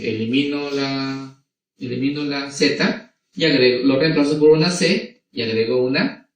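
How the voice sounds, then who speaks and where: The recording is echoey, with the voice coming from some distance: a male primary school teacher, Peruvian Spanish accent, patiently explaining grammar to children over and over and checking that they're with him. He has a medium pitch and some vocal fry.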